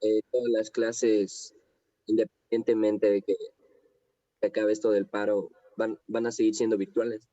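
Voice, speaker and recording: A male student speaks up on a video call to politely ask his lecturer a question, hesitating a little. His voice is low, dark and flat. The call audio is dull. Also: moderate pace. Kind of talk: asking a question in an online class.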